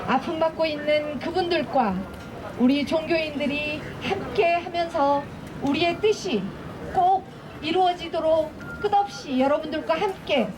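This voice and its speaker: A woman's voice: high voice, unhurried, background noise. A woman from a religious environmental group giving a solemn, prayerful speech at an outdoor protest.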